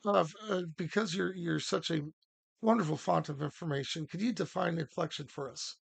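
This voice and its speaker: Man, stream host, halting casual talk, slightly high, very dry close sound. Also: gravelly, husky, dry recording. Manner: halting, lots of fillers and restarts. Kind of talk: casual livestream workshop chat.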